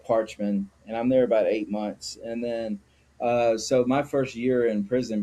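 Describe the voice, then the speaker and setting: Warm and on the low side, this voice belongs to a middle-aged sober living founder from Mississippi. In a personal interview he recounts his story openly and thoughtfully, often using fillers.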